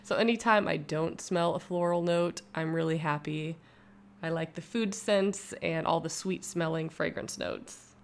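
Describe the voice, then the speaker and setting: Low and gravelly with a faint hiss or hum in the background, this young woman takes her time. She's a YouTube vlogger cheerfully chatting through a casual home voice-over about a bath product, full of enthusiasm.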